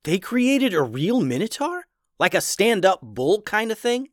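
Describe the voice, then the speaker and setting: A man's voice: mid-range voice, a little slow, a bit bright, clean tone, no echo, clean studio sound, natural voice. A man voicing a blunt, casual young kid apprentice full of questions. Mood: amazed.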